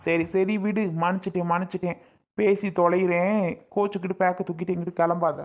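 A woman's voice: fairly low pitch, flat delivery, a little fast, darkish tone, close to an everyday voice. A woman playing a stubborn husband who teases and mocks his wife, in a family skit. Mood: teasing. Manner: sarcastic, teasing. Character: teasing, stubborn husband Arjun.

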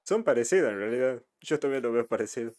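A man's voice: mid-range voice, expressive, quick pace, a little mellow. A man, casually reacting to anime as an amused fan, in short bursts into a desk microphone. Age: 20s. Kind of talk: casual live reaction commentary. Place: small home streaming room. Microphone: desk microphone close in front.

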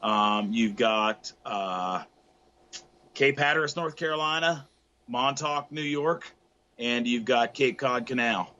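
Calling in by video from a tackle shop, a middle-aged guest fishing expert explains surf fishing technique in a casual interview, full of fillers and restarts. His mid-range voice is slow, pushed and bright, and the laptop webcam audio sounds dull.

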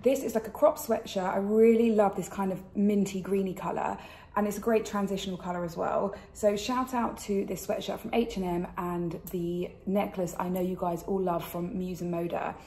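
A woman's voice: mid-range voice, steady tone, normal speed, mellow. A British woman in her thirties hosting a chatty fashion vlog, speaking with a slight impediment from the dental retainers she is wearing. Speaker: fashion channel host. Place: indoors in a kitchen. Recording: roomy kitchen echo.

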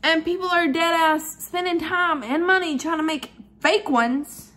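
Woman, 20s, makeup vlogger: giggly drunk, animated and slangy, chatty rambling delivery. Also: extremely high pitch, unhurried. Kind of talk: casual chatty makeup tutorial. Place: living room at home, high ceiling.

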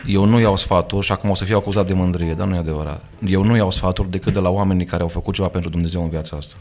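In a studio podcast conversation, a guest pastor with a Romanian accent speaks in a low-pitched, darkish voice with fairly even intonation. His manner is earnest, emphatic and preacher-like, and he quotes scripture as he goes.

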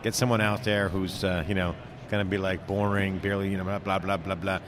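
A man's voice: low voice, level tone, fairly quick. A middle-aged man hosting live event commentary from a conference booth, casual, joking and blunt. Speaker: tech show host. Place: conference hall studio booth. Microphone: handheld stand mic. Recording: busy crowd noise behind.

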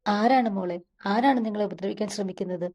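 This time the narrator's voice sits at medium pitch with a darkish tone, moving fairly quickly and sounding close to ordinary speech. She plays a caring older brother in a storybook, anxiously comforting his sister.

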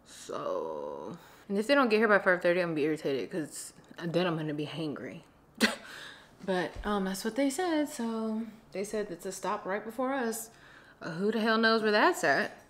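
A woman's voice: medium pitch, normal speed. Chatty young woman vlogging at home. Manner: chatty and expressive, talks straight to viewers as "y'all". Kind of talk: casual home vlog chat. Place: at home, indoors.

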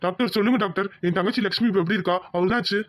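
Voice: mid-range voice, racing, fairly bright tone, dry recording, clean studio sound, close to an everyday voice. A performer voicing a worried, kindly village uncle who comforts his niece in a cartoon. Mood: anxious. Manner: anxious but reassuring. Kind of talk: cartoon voice acting.

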